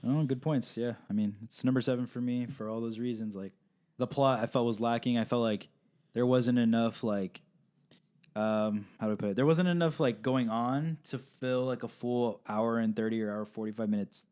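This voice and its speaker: A man talks through a film ranking in a loose, casual way. He rambles, with many fillers and restarts, in a voice of middling pitch. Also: steady tone, moderate pace, a little mellow. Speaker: podcast co-host.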